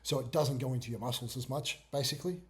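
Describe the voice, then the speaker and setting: A man's voice: medium pitch, fairly even intonation, fast, heavy background noise. A man, a fitness coach explaining things informally in a casual chat.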